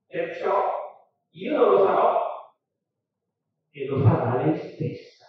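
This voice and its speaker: A man's voice: on the high side, big pitch swings, slow, muffled recording, a little hiss or hum. A man voicing a suave, mocking male devil who speaks with lordly irony, heard from far off in a roomy hall. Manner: sly, sneering.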